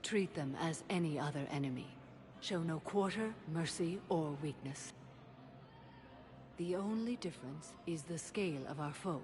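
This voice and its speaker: Solemn, stoic alien warrior woman. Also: sits low. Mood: stern, resolute. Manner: formal, measured, solemn. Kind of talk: video game acting. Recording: clear background ambience noise.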